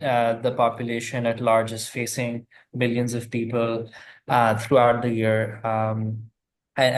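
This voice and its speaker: A man from Pakistan, a program manager introducing himself on a video call, halting and repeating words. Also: mid-range voice, slight background noise. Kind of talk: online panel introduction.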